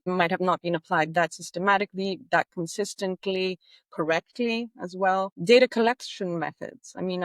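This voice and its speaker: A woman's voice: fairly low pitch, no echo. A woman from Greece with a Greek accent, a behavior analyst talking earnestly in an interview, with hesitations and restarts. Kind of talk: casual interview chat.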